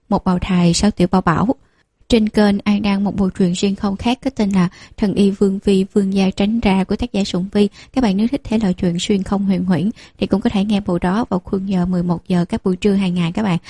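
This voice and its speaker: A woman hosting an audiobook channel, reading a romance novel aloud in a steady, gentle way. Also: medium pitch, slightly rough, no room sound. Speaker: audiobook narrator and channel host. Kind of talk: scripted narration of a romance novel.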